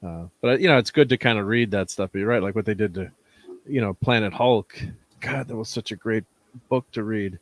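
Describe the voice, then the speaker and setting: A man hosting a casual chat about comics, rambling and halting, often laughing. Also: fairly low pitch, no room sound. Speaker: host.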